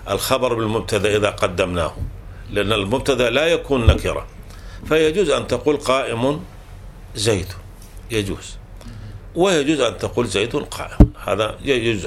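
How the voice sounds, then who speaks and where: A man's voice: fairly low pitch, background noise. A man teaching a classical grammar text, explaining patiently and restating each rule several times with small self-corrections.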